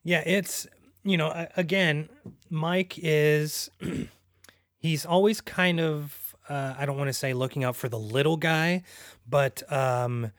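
A man's voice: a little high, fairly even intonation, slow, no room sound, clean studio sound. A man chatting about a film, searching for words with lots of ums and restarts. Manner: hesitant, many ums and restarts. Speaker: podcast co-host. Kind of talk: casual film discussion.

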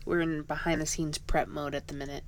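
A woman hosting a podcast, chatting playfully with animated, joking energy. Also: sits low, brisk. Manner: playful, animated, swears for jokes. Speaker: podcast host. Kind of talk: casual chat.

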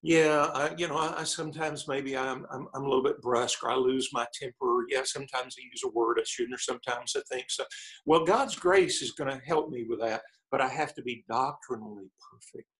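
A male preacher speaking as a guest in an interview. He tells personal stories in a halting way, often doubling back over his words. His voice sits in an ordinary middle range. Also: mid-range voice, a bit bright. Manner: halting, with many repeated words. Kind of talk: conversational storytelling.

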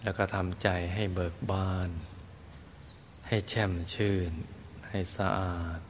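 A man teaching Buddhist meditation, guiding listeners gently and soothingly in short phrases with long pauses. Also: sits low, fairly even intonation, slight background noise. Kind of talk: guided meditation instruction.

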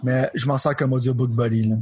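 A man's voice: mid-range voice, steady tone, fairly quick, darkish tone, breathy edge. A young man with a Québécois French accent, chatting casually about video games, loose and profane, dropping English words into his talk. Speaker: podcast co-host.

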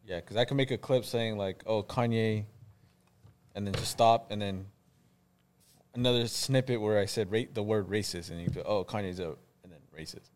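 A young man hosting a casual late-night podcast, talking in a relaxed, laid-back way with lots of fillers. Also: on the low side, moderate pace. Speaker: podcast host.

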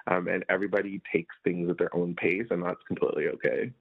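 Young guy from india, deep voice, lots of likes and ums, tinny call audio. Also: flat delivery, fast, slightly rough. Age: early 20s. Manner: rambling, full of "like" and "um". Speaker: guest. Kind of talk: casual interview answers. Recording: phone-like remote call audio.

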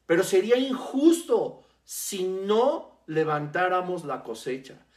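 A preacher delivering a sermon, stressing key words by slowing down and repeating them. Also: medium pitch, sing-song, darkish tone. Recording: roomy echo.

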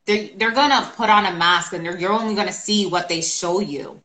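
A woman's voice: mid-range voice, brisk, crowd noise, poor audio. A woman co-hosting a casual chat show over a video call, chatty and opinionated, leaning on "like" a lot. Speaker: podcast co-host.

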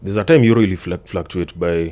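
A man's voice: low-pitched, fast talker, dark tone. A man with a Kenyan accent talking casually, switching between slang and English and repeating words for emphasis. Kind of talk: casual chat mixing Swahili slang and English.

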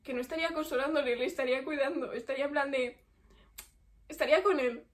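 A woman's voice: sits high, steady tone, fast. A young woman, co-hosting a casual podcast chat, joking and laughing often. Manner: playful, laughs often, imaginative riffing. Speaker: podcast co-host.

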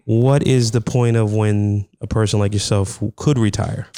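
A man's voice: on the low side, fairly even intonation, measured pace, warm tone, smooth, no echo, studio quality. A man hosting a show, chatting casually and putting questions to his guest. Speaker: show host, interviewer. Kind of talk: casual interview chat.

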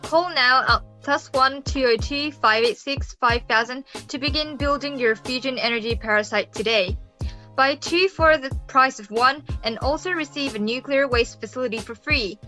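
Peppy infomercial announcer, young woman, high and bright, faint music. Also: normal speed, low-quality recording. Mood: salesy. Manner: salesy pitch.

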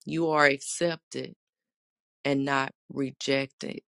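Raspy, gravelly devotional speaker. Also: medium pitch, level tone, very slow, sharp tone, dry recording, studio quality. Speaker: host of a faith talk. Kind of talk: devotional talk and prayer.

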